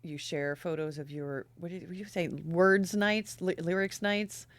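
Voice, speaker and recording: A bubbly, middle-aged woman hosts a casual podcast from a studio, laughing freely as she talks. Her voice sits a little low and sounds dry and close to the mic. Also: fairly even intonation, moderate pace, no room sound. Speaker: podcast host.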